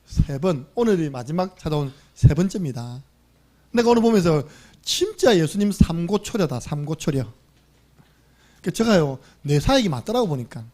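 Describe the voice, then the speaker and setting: A man's voice: fairly high pitch, big pitch swings, moderate pace, a little mellow. A man preaching a sermon as pastor, telling stories animatedly, acting out the voices in them and asking the congregation questions. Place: church sanctuary.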